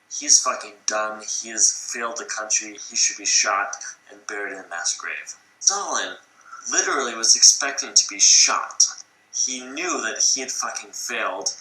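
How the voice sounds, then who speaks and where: A man's voice: lowish voice, pushed and bright, reverberant, poor audio. A drunk man rambling through a history story, swearing constantly and slurring. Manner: profane, slurring, rambling, acts out quotes. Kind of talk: tipsy rambling retelling of history.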